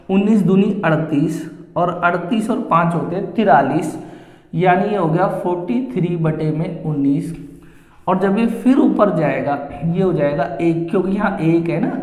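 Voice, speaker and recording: Slow-talking male maths teacher, echoey room. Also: high voice, darkish tone. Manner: explains each step slowly, repeating phrases. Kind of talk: step-by-step board lesson. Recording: echoey room with long reverb.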